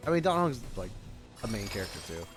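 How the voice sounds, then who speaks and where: A game streamer speaks fast in a fairly low, very animated voice over game music. His informal talk jumps between casual reactions and reading text aloud, regularly cutting himself off.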